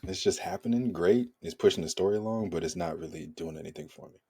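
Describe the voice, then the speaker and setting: A man's voice: deep voice, fast, vocal fry, mellow, husky. A man co-hosting a casual film discussion, laid-back and laughing at his own jokes. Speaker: podcast co-host.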